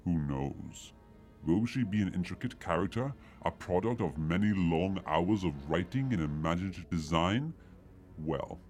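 A man's voice: low voice, a little mellow. A man announcing the next episode in a mock-dramatic, sardonic tone. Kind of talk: scripted comedy narration.

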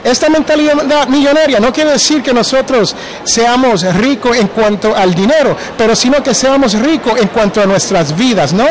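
A man's voice: extremely high pitch, moderate pace, a little hiss or hum, poor audio. A man hosting a podcast interview, chatting casually and slipping English words into his talk. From New Jersey. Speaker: podcast host.

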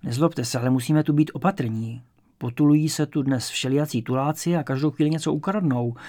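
A man's voice: fairly high pitch, natural voice. A man reading an audiobook, voicing a small, chatty old landlady of about seventy who talks in a cautious, fussy way. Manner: fussy, cautious, then eager and warm. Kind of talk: audiobook character voice.

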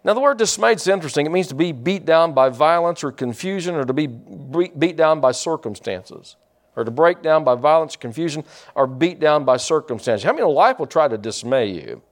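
A middle-aged man preaching. His voice sits a little high for a man, and he stumbles over repeated words before surging into loud, fervent emphasis. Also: animated, a little fast. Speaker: pastor. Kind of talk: preaching a sermon.

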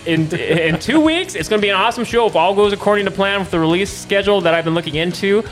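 Casting: male host, slightly raised pitch, loose filler-filled chat, faint music underneath. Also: quick pace. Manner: rambling, filler-heavy wrap-up talk. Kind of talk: casual chat.

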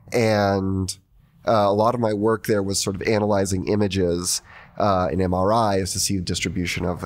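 A man who grew up in Argentina, talking as a podcast guest in a thoughtful, relaxed way with many fillers and restarts. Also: deep voice, vocal fry. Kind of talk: casual conversation.

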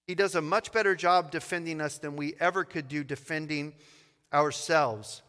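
A man pastor preaching an expository sermon, reading scripture slowly and with emphasis. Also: a little high, fairly even intonation, pushed and bright, smooth, long reverb tail. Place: church sanctuary.

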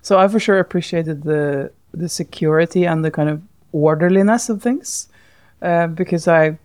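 A woman's voice: low voice, moderate pace, darkish tone, no room sound. A Norwegian woman co-hosting a podcast, talking thoughtfully in casual chat and laughing often. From Norway. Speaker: podcast co-host.

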